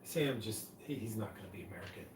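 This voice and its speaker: A man's voice: on the low side, animated, fast. Dry, hesitant man hosting a stream. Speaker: live stream host. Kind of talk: casual live chat. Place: pub room. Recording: roomy and distant, faint noise.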